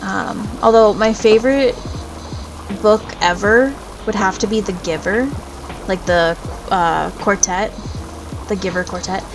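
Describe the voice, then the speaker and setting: A woman with a mid-range voice chats loosely while she plays a game, wandering from topic to topic. Her talk is relaxed and rambling, and game music plays clearly underneath her. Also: mid-range voice, a little slow, rough recording. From United States. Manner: rambling and chatty, drifts between topics. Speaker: VTuber gaming streamer. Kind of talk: casual chat over gameplay. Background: video game music.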